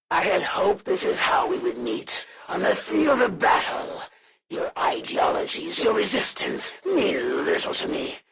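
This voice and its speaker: Alien assassin, video game villain, slow, heavily gravelled, zealous, imperious, formal. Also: medium pitch, a bit bright, full character voice. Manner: haughty, slow, formal, deliberate. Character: proud menacing alien assassin, zealous warrior of the Elders.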